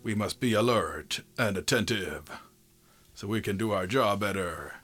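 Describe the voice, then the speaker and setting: A man voicing a pompous, posh talking guard dog in a tabletop game, with stately, drawn-out, formal phrasing. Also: on the low side, a bit bright, slightly rough, pitched below the performer's own voice.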